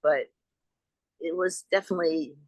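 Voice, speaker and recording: A woman's voice: low-pitched, fairly even intonation, normal speed, dry recording. An older woman from Long Island, a guest and author recounting personal experiences in an earnest, rambling way over a video call. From Long Island, New York. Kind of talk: storytelling in an interview.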